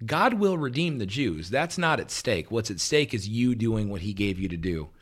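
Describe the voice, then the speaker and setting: A man's voice: on the low side, sing-song, normal speed. A man co-hosting a podcast, talking through theology in a casual, wry, chatty way. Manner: wry, talkative, quotes scripture figures in character. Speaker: podcast co-host, Reformed theology.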